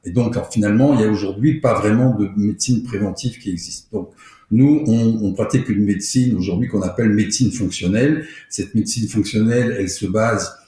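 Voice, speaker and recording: A man's voice: on the low side, a little fast, warm tone, heavy reverb. A man from France, a doctor, explaining his work in an interview, with many fillers and restarts. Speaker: doctor, podcast guest.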